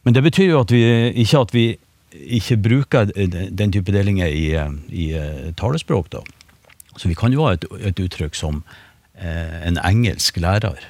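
Male radio panel expert, low voice, dry studio mic; patient explainer with lots of hesitations. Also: lively intonation, darkish tone, no echo. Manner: patient, explanatory, with many fillers and restarts. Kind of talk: explaining on a radio talk show.

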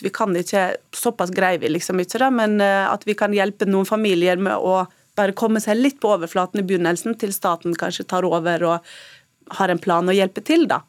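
A woman from Turkey, a mother of school-age children, speaking as a guest in a radio interview, halting and emotional with many fillers. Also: mid-range voice, no echo, studio quality.

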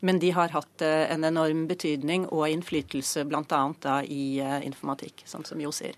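Low-voiced woman explaining mathematics. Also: level tone. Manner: explanatory, hesitant with many fillers. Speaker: mathematics professor, prize committee chair. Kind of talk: studio news interview.

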